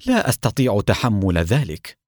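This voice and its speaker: A man's voice: lowish voice, huge pitch swings, moderate pace, a little mellow, no room sound, clean studio sound. A man reading a frightened tearful mother. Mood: anxious. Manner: distressed, tearful pleading. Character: anxious pregnant mother, woman, fearful and guilt-ridden.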